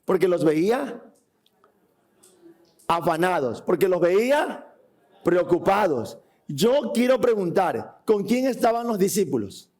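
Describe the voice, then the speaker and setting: A pastor stands before a congregation in a church hall, preaching a sermon, reading scripture aloud, and posing questions to his listeners. His voice sits high and a little mellow, with a sing-song, slow delivery and frequent pauses.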